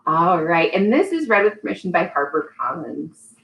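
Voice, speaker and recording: This early childhood teacher and storytime host addresses young children in an encouraging way, going sing-song when leading activities. Her creaky, fairly bright voice is on the low side, sing-song in delivery, at a moderate pace. Audio quality is poor.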